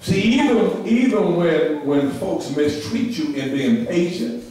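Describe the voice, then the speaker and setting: A man's voice: a little high, animated, takes it slowly, a crowd in the background. A middle-aged man, a pastor, preaching a sermon from the pulpit with a handheld mic, repeating phrases and drawing responses from the congregation. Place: church sanctuary, at the pulpit. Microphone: handheld mic, filmed by a far camera. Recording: echoey church room, far-off camera. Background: congregation murmuring responses.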